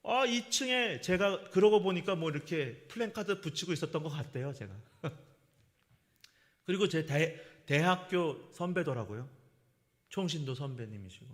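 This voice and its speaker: Animated male pastor in a reverberant church. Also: a little high. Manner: animated storytelling, acts out quoted lines. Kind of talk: sermon. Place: church sanctuary. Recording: long church-hall reverb.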